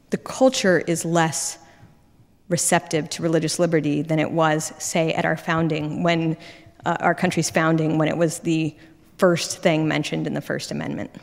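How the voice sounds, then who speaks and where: A woman gives a public lecture with a fairly low voice and a quick, conversational delivery full of asides. She speaks into a wireless mic. Her voice carries a long reverb from the lecture hall. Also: gravelly. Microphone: wireless microphone.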